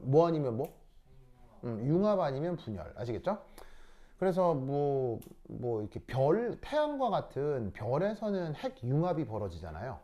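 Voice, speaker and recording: A man lecturing a classroom, quizzing and teasing his students as he explains. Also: fairly high pitch. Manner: lively, teasing, asks students questions. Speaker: teacher.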